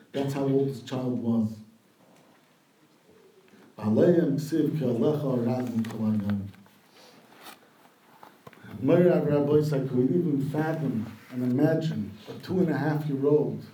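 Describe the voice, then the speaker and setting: A man's voice: mid-range voice, mellow, echoey room, far from the mic, poor audio. A man giving a sermon, retelling a midrash and translating Hebrew quotes as he goes. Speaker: rabbi giving a talk.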